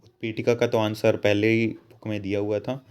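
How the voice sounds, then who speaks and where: A young man, explaining a school lesson patiently and slowly. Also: lowish voice, flat delivery, darkish tone, smooth. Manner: slow, patient explanation with frequent asides to students. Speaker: teacher.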